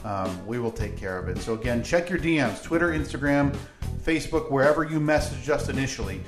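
A man co-hosting a podcast in casual, joking chat, heard through low-quality audio from a makeshift home studio. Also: brisk, echoey room, over music. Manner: joking, chatty banter. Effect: low-quality audio stream. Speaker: podcast co-host.

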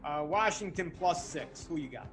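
Sarcastic high-voiced co-host. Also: male voice, expressive, normal speed, a bit bright, soft background music. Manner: teasing, sarcastic quizmaster. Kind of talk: comedic sports radio banter.

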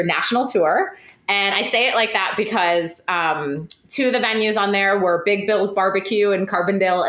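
A woman hosting a podcast interview, telling stories in an animated, chatty way with lots of fillers and restarts. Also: medium pitch, echoey room. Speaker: podcast host. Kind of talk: conversational interview storytelling.

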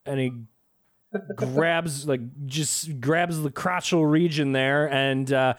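Guy with a higher voice telling movie bits, laughing, does little voices for the quotes, dry close sound. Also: slow, no echo. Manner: animated retelling, laughing, acting out quoted lines. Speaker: podcast co-host. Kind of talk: casual film-review chat.

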